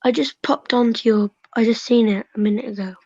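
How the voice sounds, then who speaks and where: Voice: medium pitch, steady tone, fairly quick, crowd noise. A caller on a live stream, heard over a phone call, chatting casually and restarting sentences often. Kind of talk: casual chat. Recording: dull, dry phone line.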